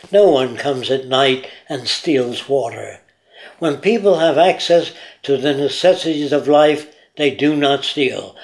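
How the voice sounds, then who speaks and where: A man's voice: on the high side, poor audio. Emphatic man laying out ideas. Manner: emphatic, declarative, long lists. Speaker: interviewee, project director. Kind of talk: unscripted interview monologue.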